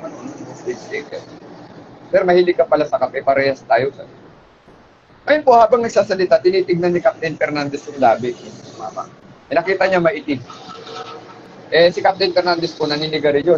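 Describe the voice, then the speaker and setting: A man telling a story in a polite, conversational way, often checking in with his listeners. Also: on the high side. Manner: polite, with frequent tag questions. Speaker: speaker retelling a police hostage story. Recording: muffled lo-fi with faint background noise.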